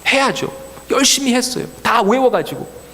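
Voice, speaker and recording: A male pastor telling a story in a sermon at a church retreat, acting out the dialogue in animated voices. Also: very high voice, moderate pace, in a large hall. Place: church hall.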